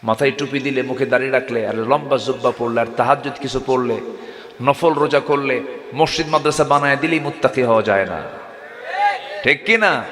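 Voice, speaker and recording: A man's voice: medium pitch, fairly quick. Man preaching, rhetorical questions, passionate rises, roomy, long reverb. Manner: impassioned, sing-song rises, rhetorical questions to the crowd. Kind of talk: sermon. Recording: echoey hall with long reverb.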